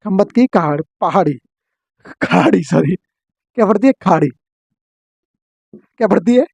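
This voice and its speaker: A man teaching an exam-prep geography lesson, drilling his students with quick questions and answers. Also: high voice, expressive, vocal fry, darkish tone, slightly rough, no echo.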